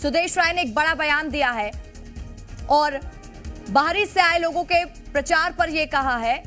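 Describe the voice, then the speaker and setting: Bright-voiced female news anchor. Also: high voice, measured pace, faint music behind. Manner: crisp, with short agreeing interjections.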